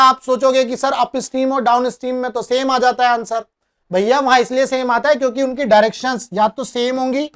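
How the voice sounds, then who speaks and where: A male physics teacher working a problem on the board, mixing English terms into his speech and repeatedly asking the class whether it is clear. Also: very high voice. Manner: asks the class frequent rhetorical check questions; mixes English terms into Hindi, calls students brother. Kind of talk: whiteboard problem-solving lesson.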